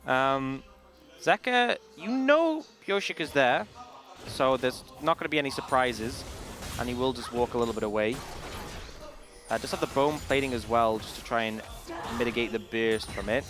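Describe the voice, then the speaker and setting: A man's voice: medium pitch, animated, normal speed, a bit bright, soft background music. A young British man casting a live esports match, joking and laughing through the play-by-play. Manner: playful banter, laughs often. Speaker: esports caster.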